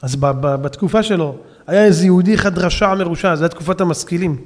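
A high-pitched male preacher delivers a sermon in a long-reverb hall. He tells his story with emphatic swings, rising to loud peaks and then dropping back to speak directly to the congregation. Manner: addresses audience as "gentlemen". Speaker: rabbi preacher. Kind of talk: Hebrew Torah sermon.

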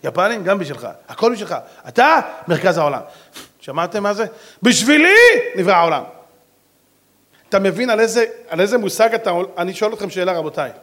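A man preaching a sermon, animated and directly addressing his listeners, switching voices to act out stories. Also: high voice.

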